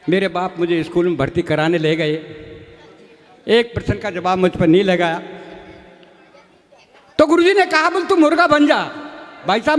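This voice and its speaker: High-voiced man telling stage jokes. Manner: folksy, chatty, addresses audience as brother. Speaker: comic poet on stage. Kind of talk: stage comedy storytelling. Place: live poetry gathering with audience. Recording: reverberant live PA sound.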